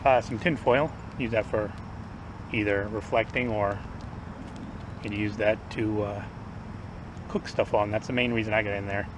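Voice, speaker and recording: Recently out of a tooth extraction, this vlogger talks with slightly impaired speech as he gives an offhand, casual rundown of survival gear to camera. His voice sits on the low side with fairly even intonation, and he moves at a moderate pace with frequent pauses. The recording is distant and full of outdoor noise.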